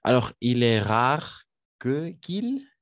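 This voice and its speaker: A man's voice: mid-range voice, very animated, slow pace, no echo. A man teaching a French grammar lesson online, patiently repeating verb forms and praising his students.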